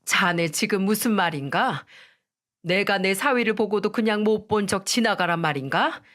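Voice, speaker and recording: A woman's voice: mid-range voice, moderate pace, a bit bright, close to an everyday voice. A woman voicing an indignant older mother-in-law in a storytelling drama, talking in a reproachful way.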